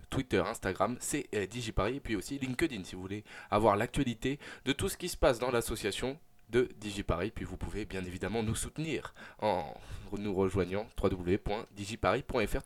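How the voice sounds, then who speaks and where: A man reads the news live on local radio with a rather low voice. He stumbles often and fills pauses with drawn-out hesitation sounds. He speaks into a studio microphone. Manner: hesitant, frequent filler sounds.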